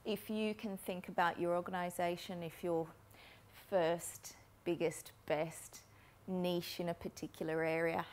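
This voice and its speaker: A woman in her forties, a keynote speaker on marketing, gives a conference presentation in a lecture room with a projector screen. Speaking into a lapel mic in a fairly low, slightly mellow voice, she explains things steadily with frequent ums.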